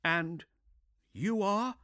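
A man voicing a sharp, anxious young female inquisitor with a strained, breathy voice and quick, insistent questions. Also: high-pitched, dry recording, clean studio sound, voice pushed up, full character voice. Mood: urgent.

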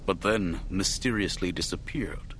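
A man reading an audiobook voices a cold, menacing aristocratic count who speaks mildly and slowly. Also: on the low side, expressive, fairly bright tone, slight background noise. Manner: mild, slow, menacing.

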